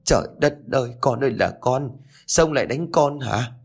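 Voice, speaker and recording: A man voicing a gentle middle-aged mother who softly reproaches and pleads with her son. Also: lowish voice, big pitch swings, fast talker. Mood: pleading reproach.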